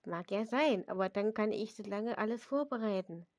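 A woman voicing a caring, eager teenage girl who pleads and pushes excitedly, in a read-aloud story. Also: mid-range voice, moderate pace, no room sound, studio quality, natural voice.

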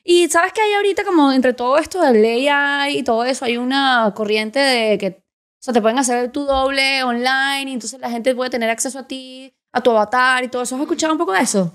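A woman's voice: high voice, fairly quick, a bit bright. A woman hosting a casual interview, chatty and playful as she asks probing questions. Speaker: podcast host.

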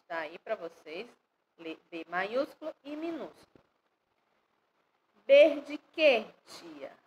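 Slow-spoken Brazilian teacher woman. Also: fairly high pitch, big pitch swings, slight background noise, low-quality recording. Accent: Brazilian Portuguese. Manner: slow, stresses syllables loudly when spelling. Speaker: first-grade teacher. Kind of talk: online lesson for young children. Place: home or classroom, recorded for an online class.

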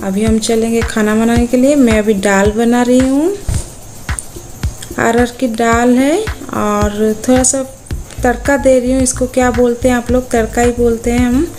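A bright, high-pitched woman in her thirties talks chattily to her viewers, her phone held at arm's length. Music plays clearly under her voice. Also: fairly even intonation, unhurried. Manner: chatty, cheerful, talks to viewers while cooking. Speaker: vlogger. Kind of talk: casual Hindi vlog narration. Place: outdoors on a roadside, then a home kitchen.

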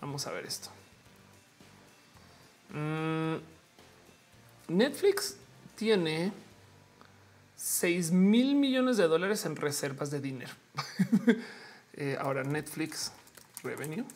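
Woman, live-stream host, casual chatter, reads the chat, laughs a lot, somewhat low voice. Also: expressive, slow, long pauses, a little mellow, soft background music. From Colombia. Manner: chatty and slangy, laughing often. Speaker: livestream host.

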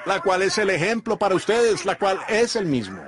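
A man's voice: high voice, sing-song, normal speed, noisy background. A man reading a sermon as a dubbed voice-over, with an emphatic preaching cadence and frequent asides to the listeners. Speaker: Spanish voice-over reader of a sermon.

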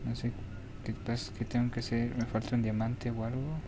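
Gamer, young Mexican man, flat-toned nervous horror commentary, noisy home recording. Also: medium pitch, fairly quick. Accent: Mexican Spanish. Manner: jittery, begging, talks to himself. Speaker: gaming YouTuber.

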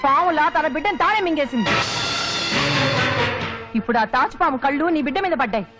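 A woman's voice: sits high, expressive, brisk. An actress playing a spiteful, scheming mother in a melodramatic film, who scolds, curses and wails theatrically. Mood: venomous. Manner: scolding, cursing, theatrical wailing. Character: spiteful scheming mother, sharp-tongued and bitter. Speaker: mother in a family drama. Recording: dull lo-fi film audio with music.

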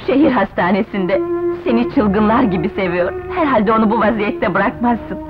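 A woman's voice: mid-range voice, moderate pace, over loud music, close to an everyday voice. An actress playing a fiery young woman who defends her wronged sister, dubbed in a 1970s film style and hurling accusations. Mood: pleading. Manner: accusing, shouting insults. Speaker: film character. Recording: dull old film soundtrack with loud score.

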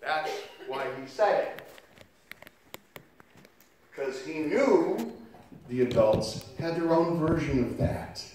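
A male pastor with a head cold, preaching conversationally and swinging between loud emphasis and quiet, low passages. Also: lively intonation, slow, pauses often, slight background noise. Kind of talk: sermon. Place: church sanctuary. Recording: echoey church from far off.

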